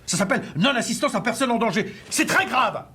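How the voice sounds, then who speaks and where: An actor playing a stern, condescending retirement home director who scolds staff and talks down to residents. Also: male voice, very high voice, lively intonation, brisk, bright, forceful tone, a little hiss or hum, exaggerated voice. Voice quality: curt, scolding, falsely polite. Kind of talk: film dialogue.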